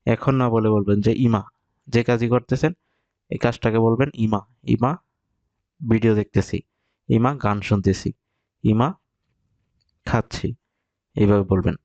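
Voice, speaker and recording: A man teaching Japanese vocabulary, explaining step by step and repeating example phrases slowly. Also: on the low side, steady tone, darkish tone, dry recording, dull audio. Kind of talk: recorded vocabulary lesson.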